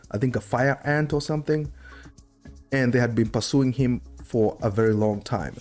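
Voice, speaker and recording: A middle-aged man hosts an informal history talk, chatty and explanatory, from a desk in an indoor room. His warm, medium-pitched voice is picked up by a desktop mic placed close to his mouth.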